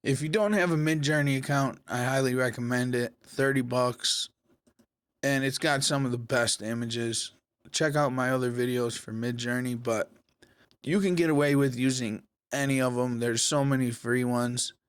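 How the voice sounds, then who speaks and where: Guy walking you thru some software, chill and chatty, mid pitch, dry close mic. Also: steady tone, normal speed, clear, resonant tone, no room sound. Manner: casual, conversational, talks to viewers as guys. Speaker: tech tutorial host. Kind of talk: screen-recorded software tutorial.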